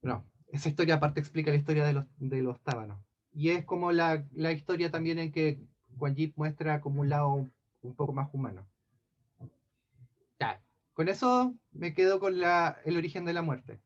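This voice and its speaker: A man's voice: on the high side, normal speed, dull audio. A man, casually telling a myth to a scout group, hesitant and full of restarts and asides. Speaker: storyteller.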